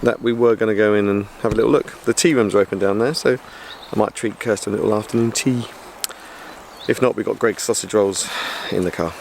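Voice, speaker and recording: A man's voice: lowish voice, steady tone, fairly quick, creaky, darkish tone, slight background noise. Chatty man vlogging outdoors. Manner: chatty, self-mocking, laughs often. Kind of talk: casual travel vlog. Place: outdoors and in a car in the countryside.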